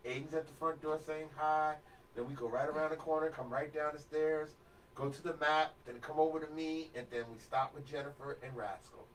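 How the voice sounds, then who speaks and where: A man's voice: on the high side, fairly even intonation, brisk. Upbeat man co-hosting a painting stream. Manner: upbeat, reads out comments and agrees a lot. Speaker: co-host reading viewer comments. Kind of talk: live stream chat. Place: home basement studio. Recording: distant mic with faint background noise.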